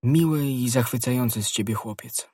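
Male reader doing a fearful young woman, pitched up, husky edge. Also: moderate pace, dark tone, no room sound, studio quality, lightly acted. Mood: anxious. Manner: pleading, fearful. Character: young woman, anxious and loyal to the queen.

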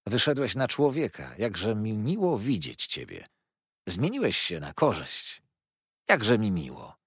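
A fond, eager old scholar coaxes his former pupil along, as a man reads him aloud. His husky, lowish voice rises and falls with warm animation. The storybook telling keeps him gentle and fatherly. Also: sing-song, unhurried, no room sound, clean studio sound, exaggerated voice. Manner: fond, coaxing old teacher's talk. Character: kindly elderly male scholar, warm and eager.

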